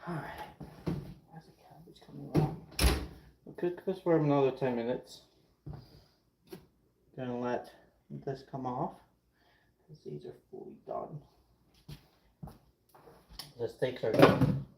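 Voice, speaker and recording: A young man speaks in a gravelly, medium-pitched voice, slowly and with frequent pauses, as he cooks live in his home kitchen. His first language is Ukrainian/Russian, and he rambles casually, answering chat mid-task. The room is echoey, with a little faint noise.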